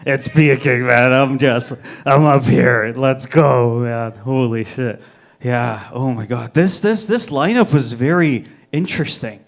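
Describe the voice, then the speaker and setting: A man's voice: medium pitch, slow, vocal fry. A man from Egypt doing a brash stand-up set, swearing and hyping up a small crowd. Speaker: stand-up comic. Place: small live comedy venue.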